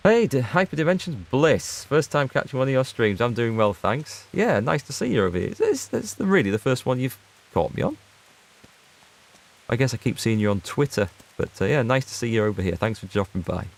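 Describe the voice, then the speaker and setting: A man streams a game and keeps up a chatty let's-play commentary, reading viewer chat aloud and answering it. He speaks at medium pitch, very animated and brisk, with a creaky quality.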